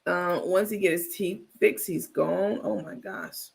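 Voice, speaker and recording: A man with a high voice and a gravelly edge hosts a casual live gossip stream. He talks bluntly and animatedly, answering his chat as he goes. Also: measured pace. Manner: animated, talkative, blunt, laughs often. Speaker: livestream host.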